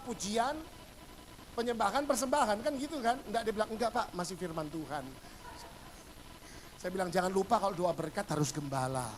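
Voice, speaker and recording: A male pastor giving a humorous sermon, telling stories and acting out the dialogue, swinging between loud bursts and hushed asides. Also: sits high, a little hiss or hum, poor audio.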